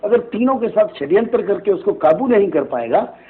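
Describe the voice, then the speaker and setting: A man's voice: high-pitched, lively intonation, fairly quick. A man, an astrologer guest on a TV interview, explaining at length in a preachy way and often asking "right?" to seek agreement. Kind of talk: TV interview answers. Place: TV studio. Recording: tinny phone-like band, faint hiss.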